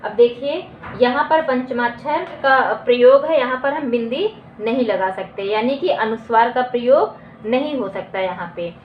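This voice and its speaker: A woman teacher with a somewhat high voice walks her students through a grammar lesson. She asks questions and answers them, and she repeats definitions slowly. The recording is lo-fi and roomy, with a faint hum behind her. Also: lively intonation. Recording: echoey dull lo-fi room recording.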